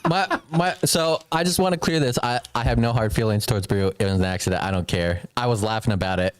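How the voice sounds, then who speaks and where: A man's voice: medium pitch, sing-song, fast talker, clean tone. A married man telling a story in casual chat, laid-back and laughing as he goes. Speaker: podcast co-host. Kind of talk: casual chat among friends.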